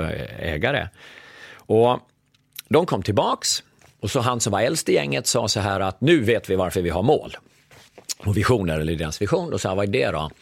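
A man's voice: lowish voice, creaky, no room sound, clean studio sound. A middle-aged man, a guest on a conversational show, telling a story and acting out the dialogue in it. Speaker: podcast guest.

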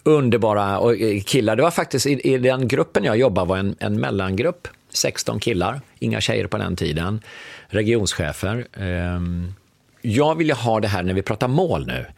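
A man's voice: lowish voice, expressive, vocal fry, dry recording. A middle-aged man, a guest on a conversational show, telling a story and acting out the dialogue in it. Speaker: podcast guest.

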